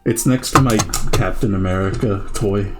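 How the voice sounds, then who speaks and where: A man's voice: lowish voice, moderate pace, music in the background. A man co-hosting a casual gameplay commentary, joking, swearing freely, laughing often and breaking into mock outrage. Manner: mock outrage and silly voices while reacting. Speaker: co-host of a let's play series.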